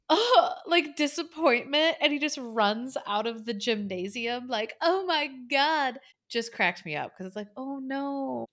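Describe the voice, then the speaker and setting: Woman podcast co-host, 30s, lively movie recap, jumps into quoted voices. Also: medium pitch. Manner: animated, acts out quotes, swears for emphasis. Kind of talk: casual movie recap chat.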